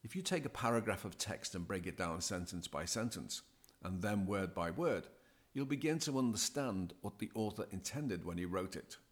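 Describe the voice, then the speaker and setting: A man speaking as a podcast guest, giving deliberate, emphatic advice as a DJ coach. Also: lowish voice, lively intonation. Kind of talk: measured, scripted-sounding advice.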